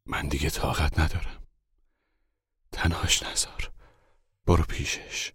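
A man's voice: very deep voice, husky, no room sound, clean studio sound. A man voicing a grieving father who speaks tenderly to his son, his voice choked.

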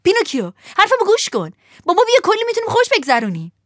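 A woman voicing an excitable, pushy rascal boy in a storybook reading, fast and shouting. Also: very high-pitched, dry recording, studio quality, pitched above the performer's own voice, exaggerated voice. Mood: excited. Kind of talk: storybook narration.

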